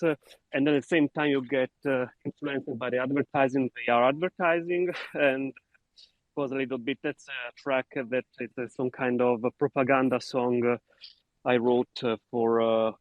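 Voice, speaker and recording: A man from Florence with an Italian accent, a musician guest who explains his work in measured, pausing speech. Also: mid-range voice, no room sound, rough recording. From Florence, Italy. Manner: measured, explaining at length with frequent pauses. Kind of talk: casual chat. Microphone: phone or computer mic on a live audio space.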